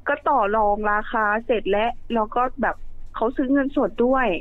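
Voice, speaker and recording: A woman calling in for advice, polite and deferential, asking questions softly. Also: on the high side, moderate pace. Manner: polite, deferential, soft-spoken. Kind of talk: casual chat. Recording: tinny phone line.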